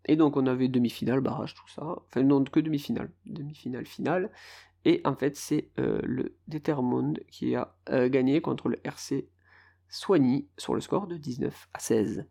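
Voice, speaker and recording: A man's voice: medium pitch, normal speed, creaky, warm tone. A man hosting a casual solo podcast, rambling and self-mocking as he stumbles over foreign team names. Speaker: podcast host.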